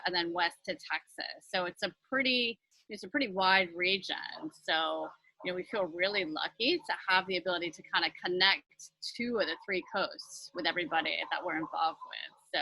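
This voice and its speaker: A woman's voice: fairly low pitch, pushed and bright, no echo, low-quality recording. A woman talking as a guest on a video call from her front porch office, chatty and upbeat with lots of fillers. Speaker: guest, nonprofit leader. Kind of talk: casual interview chat.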